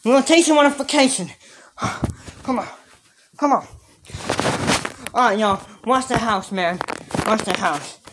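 A woman's voice: a little high, measured pace, pauses often. Exasperated, foul-mouthed woman. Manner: exasperated, swearing a lot, repeating herself. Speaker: host of a homemade comedy skit show. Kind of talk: improvised comedy skit. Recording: loud background noise.

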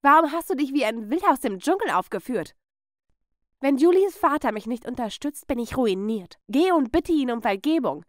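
A woman's voice: high voice, animated, normal speed, no echo, clean studio sound. Woman playing a cruel domineering old grandmother. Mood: furious. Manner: harsh, domineering scolding.

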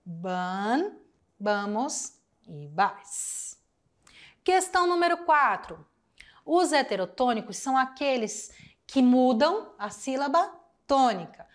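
A woman teacher walks her students through exercise answers one at a time. Her voice sits somewhat high, and she speaks slowly and carefully, repeating key points and addressing the class directly. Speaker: Spanish teacher. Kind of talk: recorded class lesson.

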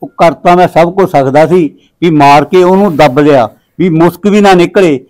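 A man plays a middle-aged Punjabi village father with a fairly high voice. He is blunt, proud and domineering in a family drama, speaking with a Punjabi accent. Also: moderate pace, a little mellow, close to an everyday voice. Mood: resolute. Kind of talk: short-film family drama acting.

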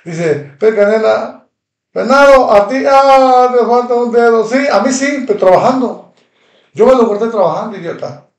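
A man's voice: very high voice, moderate pace. A man with a Mexican Spanish accent hosting a live stream, reading viewer comments aloud and rambling in heated, repetitive insults. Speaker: livestream host. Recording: roomy echo, distant from mic.

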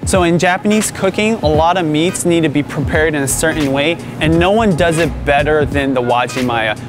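A man's voice: fairly high pitch, fairly quick, over music. A man in his thirties hosting an enthusiastic grocery store tour vlog, talking straight to camera on a lapel mic. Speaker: vlog host. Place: indoor supermarket aisles, some shots outside.

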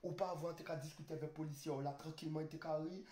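A man's voice: a little high, steady tone, racing, dark tone, echoey room. A man streaming live, ranting in a rambling, insulting way with garbled phrasing. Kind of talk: street livestream rant.

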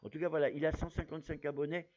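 A man chatting casually as a YouTuber, rambling with plenty of fillers while giving shout-outs. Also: on the high side, little pitch movement, very fast, highs cut off. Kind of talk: casual chat.

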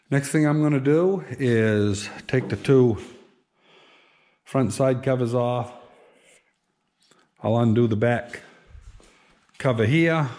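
An older farm vlogger with a mid-range, darkish voice talks through repairing a tractor engine in a large workshop, thinking aloud plainly as he goes. It's casual how-to narration on a camera mic, noisy and often picked up from across the shop.

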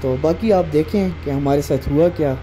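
A man with a Pakistani Urdu accent narrating a travel vlog voice-over in a relaxed, guiding way. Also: on the high side, normal speed, soft background music. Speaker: vlogger narrating trip.

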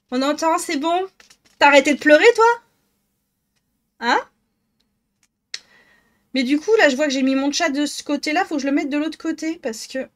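A woman streaming live, chatting casually with her viewers, greeting them by name and joking about herself. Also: high-pitched. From northern France. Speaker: Twitch streamer. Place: home office.

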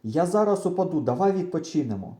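A man's voice: fairly high pitch, very animated, fast, warm tone, echoey room, voice pushed up. A man doing a scared, pleading village boy. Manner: pleading, tearful.

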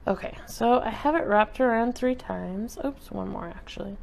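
A woman giving a relaxed, chatty step-by-step craft tutorial while she works with her hands at a table indoors. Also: on the high side, moderate pace, vocal fry. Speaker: craft instructor.

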